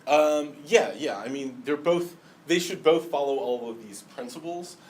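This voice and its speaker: A man's voice: fairly high pitch, lively intonation, unhurried, a little mellow. A man lecturing a class on debate, explaining step by step with many ums and a slight lisp today. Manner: explanatory, frequent ums and restarts. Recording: distant mic, faint background noise.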